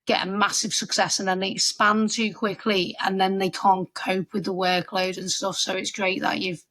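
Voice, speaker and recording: A woman with a Scouse accent from the Liverpool area hosts a podcast interview, chatty and encouraging, frequently restarting her sentences. Her mid-range voice has a sharp tone and a flat delivery at a moderate pace.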